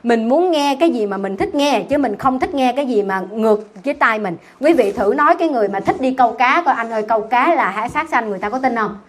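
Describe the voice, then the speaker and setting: Nun teaching sutra class, keeps asking questions n answering herself, playful, slightly high voice. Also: female voice, fast, few pauses. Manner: quizzes listeners, answers own questions; teasing, lively. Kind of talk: dharma talk with questions to the class.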